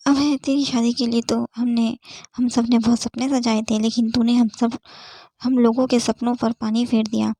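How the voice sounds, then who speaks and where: A woman voicing a playful, teasing young male doctor friend in an audiobook story, chatty and quick to tease. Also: on the high side, level tone, mellow, dry recording. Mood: indignant. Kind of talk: audiobook character voice.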